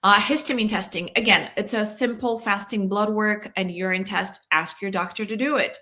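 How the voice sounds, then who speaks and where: A woman's voice: medium pitch, steady tone, normal speed, bright, forceful tone. A woman from Poland, a wellness coach giving an earnest, chatty health talk and speaking straight to her viewers. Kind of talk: casual health talk to camera.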